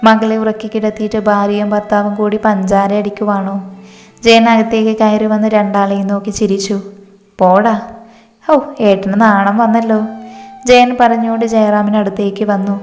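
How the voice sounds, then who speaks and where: A woman narrates a domestic drama in a flat, level voice that barely rises or falls. Her reading echoes in a reverberant room, with soft music playing beneath it. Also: medium pitch. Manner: even, unhurried reading, voicing all characters in her own voice. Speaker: storyteller. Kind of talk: scripted story narration with character dialogue.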